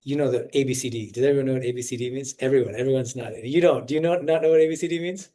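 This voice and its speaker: Rapid-fire and dark in tone, this American man in his forties speaks with a mid-range voice as a swami leading a casual spiritual talk. He's conversational, frequently restarts phrases, and keeps stopping to ask his students questions.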